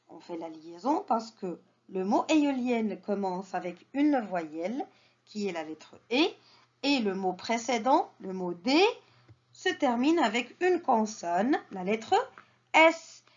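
A woman teaching an early reading lesson to children, repeating each word slowly and breaking it into syllables. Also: fairly high pitch, big pitch swings, a little mellow. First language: Arabic. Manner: slow, syllable-by-syllable modelling with repeated words. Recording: dull lo-fi sound.

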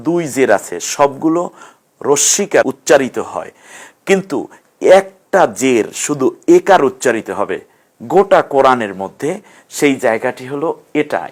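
A man teaching Quran letter sounds in a patient lesson, repeating each sound slowly. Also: medium pitch. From Bangladesh. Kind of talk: explanatory lesson.

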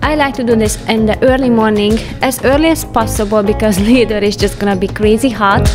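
Chatty woman vlogger with a higher voice. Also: fairly even intonation, brisk. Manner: chatty, light laughs, non-native phrasing. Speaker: home vlogger. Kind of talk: casual voice-over narration. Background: soft background music.

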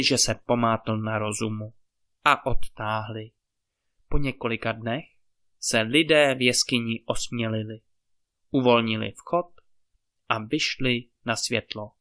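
A man reading a fairy tale aloud as a storyteller, in calm, measured narration. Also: medium pitch.

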